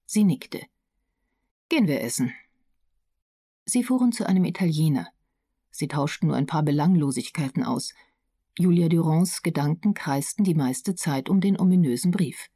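Female narrator for a crime audiobook, calm measured delivery, husky tone, dry close sound. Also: low voice, dry recording. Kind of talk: scripted narration of a crime novel.

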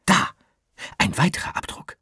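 A man narrating a children's audiobook slowly and expressively, with dramatic whispers. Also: sharp tone, dry recording, clean studio sound.

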